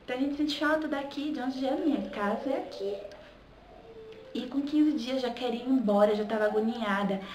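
A woman's voice: high voice, normal speed, darkish tone. A young woman from Salvador with a Bahian accent, chatting casually in a home vlog and often checking in with "sabe?". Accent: Bahian Brazilian Portuguese. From Salvador, Bahia, Brazil. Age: young adult. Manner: chatty, keeps adding "sabe?" to her points. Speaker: vlogger. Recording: echoey room with faint ambience.

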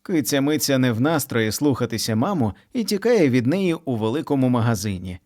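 Male storybook reader, expressive and melodic, mid-pitched. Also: a little fast. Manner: expressive, sing-song storytelling. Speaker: children's book reader. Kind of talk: storybook read-aloud.

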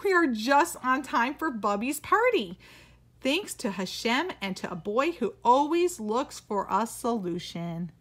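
Woman voicing a farmer father, storybook, calm, reassuring, animated pitch. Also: measured pace, heavily acted. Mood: steady. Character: earnest farmer father, calm family man.

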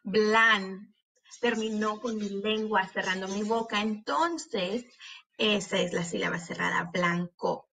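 Bright slow-paced woman teacher. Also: medium pitch, slight background noise. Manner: spells words letter by letter, models sounds. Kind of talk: slow, clear reading lesson for children.

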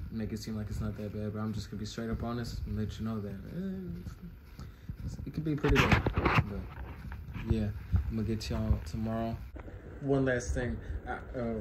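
A young man talks casually to the camera in a low voice with very little melody. His mouth is swollen and sore after wisdom teeth removal, and his phrasing is slangy and repetitive. There is noticeable noise behind him. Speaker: vlogger.

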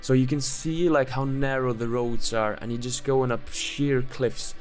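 A man's voice: medium pitch, steady tone, unhurried, soft background music. A man casually narrating his road trip as a voice-over, in a loose, easygoing way with fillers. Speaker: travel vlogger.

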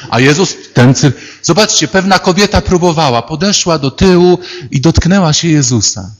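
A man's voice: fairly high pitch, animated, moderate pace, big-room sound. Priest guy giving a sermon, ironic and playful, acts out people mid-story.

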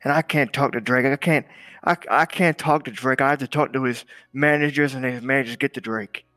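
A man's voice: medium pitch, a little fast, sharp tone, no echo, natural voice. A man playing an intense, menacing, aggrieved music boss in an improvised crime game role-play, brooding and repeating himself for effect. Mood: brooding menace.

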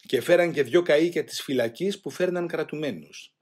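A man reading a first-person memoir aloud in a grave, measured way. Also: on the high side. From Greece. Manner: grave, measured, voicing shouted quotes louder. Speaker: audiobook reader.

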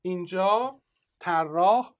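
Teacher explaining step by step. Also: medium pitch. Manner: explains step by step, asking rhetorical questions; casual, colloquial teaching talk. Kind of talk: exam-prep literature lesson.

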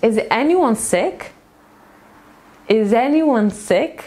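Lady teaching english really slowly, patient, says every phrase a few times, marker on a whiteboard. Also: a little high, expressive, warm tone. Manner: slow, patient, repeats example phrases several times. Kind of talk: slow explanatory lesson at a whiteboard.

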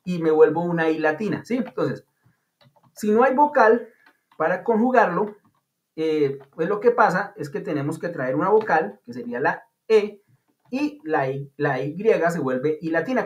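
A man's voice: fairly high pitch, expressive, moderate pace. A man teaching an online English class, explaining patiently in a chatty way with playful comparisons. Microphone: video call. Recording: dull lo-fi online call audio.

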